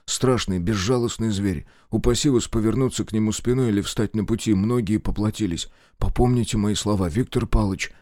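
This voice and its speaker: A man voicing a fussy, excitable male quartermaster with a high, pleading voice. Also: fairly quick, hardly any pauses, no echo, clean studio sound, natural voice. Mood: warning. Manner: high-pitched, flustered, pleading.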